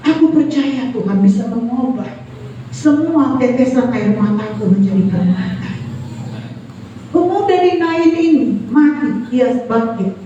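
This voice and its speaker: High-voiced woman preaching in an echoey church. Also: unhurried, mellow, a little hiss or hum. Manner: emphatic, calls out to the congregation. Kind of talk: sermon. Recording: echoey church hall, distant mic, dull sound.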